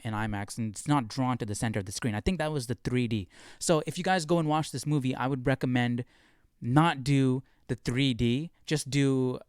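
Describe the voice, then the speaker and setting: A man giving a casual, conversational film review, thinking out loud as he talks. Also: mid-range voice, no room sound, clean studio sound.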